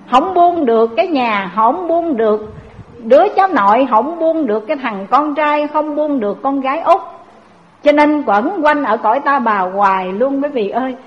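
A woman preaching a Buddhist sermon, telling stories and questioning her audience directly. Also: high voice. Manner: lively, addresses audience directly with rhetorical questions. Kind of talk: sermon with storytelling. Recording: dull lo-fi recording.

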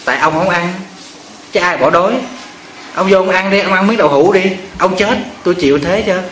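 An indignant middle-aged wife , put on by a male preacher, scolding in a raised, shrill voice. The voice rings in an echoey room. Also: fairly quick, fairly bright tone, slight background noise.

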